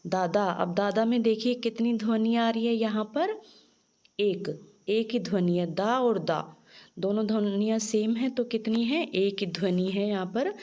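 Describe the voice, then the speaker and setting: A woman's voice: medium pitch, dark tone. A woman teacher explaining a children's lesson, patiently asking questions and answering them herself. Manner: slow, patient, asks and answers her own questions.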